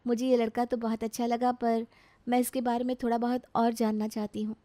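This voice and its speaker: Brief: woman voicing a sweet young bride, soft, mellow tone, dry close sound. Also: fairly high pitch, little pitch movement, fairly quick, no echo, lightly acted. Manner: polite, soft. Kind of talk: storybook voice acting.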